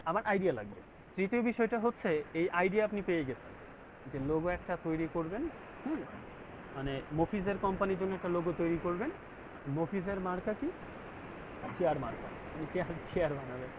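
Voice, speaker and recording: A man's voice: high voice, lively intonation, fairly quick. Man teaching over a noisy video call. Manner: explains step by step and keeps checking understanding. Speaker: graphic design instructor. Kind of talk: online class lecture.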